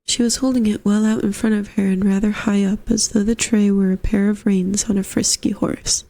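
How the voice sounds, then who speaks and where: A woman's voice: mid-range voice, little pitch movement, normal speed, warm tone. A woman reading a short story aloud as a storyteller, in scripted narration. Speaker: storyteller, streamer.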